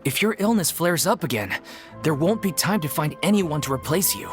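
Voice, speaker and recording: An earnest, worried troupe leader, voiced by a man talks with a lively, rising and falling voice at middle pitch. Faint game music sits behind him. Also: normal speed, lightly acted. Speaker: troupe manager. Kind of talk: video game voice acting.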